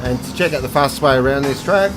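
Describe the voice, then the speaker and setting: A man presenting a track guide for sim racing, explaining each part in a measured but enthusiastic way. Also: medium pitch, music in the background.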